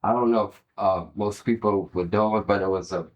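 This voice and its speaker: A man's voice: on the low side, steady tone, a little fast, poor audio. A man giving an oral history interview, sharing recollections as an interviewee.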